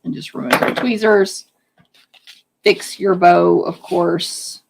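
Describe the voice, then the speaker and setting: A woman with a hoarse voice, chatting casually as she demonstrates a card-making project step by step. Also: fairly low pitch, slow pace, background noise. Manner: chatty, hands-on explaining while working. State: losing her voice. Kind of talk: live craft demonstration.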